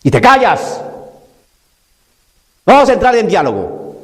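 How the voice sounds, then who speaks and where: A man's voice: sits high, wildly swooping pitch, a little slow. A man preaching a sermon, emphatic and repetitive, mocking the views he argues against.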